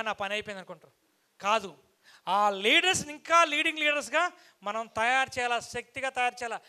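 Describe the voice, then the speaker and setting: High-pitched, rousing male motivational speaker. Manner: rousing, fires rhetorical questions and pushes the crowd to shout back; punchy short phrases with sudden loud bursts. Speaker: motivational speaker and sales team leader. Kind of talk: motivational stage speech.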